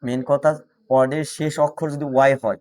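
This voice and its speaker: A man's voice: medium pitch, little pitch movement, brisk, a little mellow, no room sound. A man with a Bangladeshi Bengali accent teaching an English grammar class, repeating points and asking students check questions.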